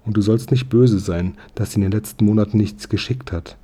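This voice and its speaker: A man's voice: lowish voice, brisk, dark tone, slightly rough. A man voicing a polite, earnest young boy in a storybook reading.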